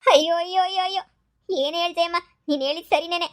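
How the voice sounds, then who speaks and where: A woman's voice: extremely high pitch, steady tone, very fast. A woman voicing a jealous, nagging young wife who accuses and needles in a cartoon comedy. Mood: wailing. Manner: accusing, needling, repeats herself.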